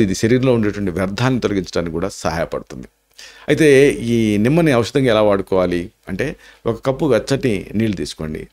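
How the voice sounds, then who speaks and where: A man with a Telugu accent gives health advice as an Ayurvedic doctor, his voice sitting fairly low. He explains each remedy step by step, drops in English terms and pauses on filler sounds as he thinks. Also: a little mellow. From India. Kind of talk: health advice talk to camera.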